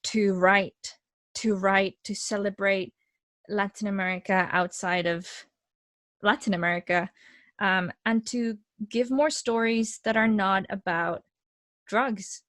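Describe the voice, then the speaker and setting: Speaking slowly in a mid-range voice, a young Mexican woman, an actress appearing as a guest, chats openly in a casual video-call interview. The recording is dry and studio quality, and her animated talk is full of restarts.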